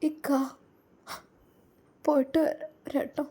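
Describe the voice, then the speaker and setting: A young wife on the edge of tears, as a woman storyteller acts her out, speaks in a raised, choked voice. Her words come soft and broken. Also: high-pitched, takes it slowly, gravelly, pitched above the performer's own voice, heavily acted. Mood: tearful. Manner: choked, tearful. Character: tearful young wife leaving home.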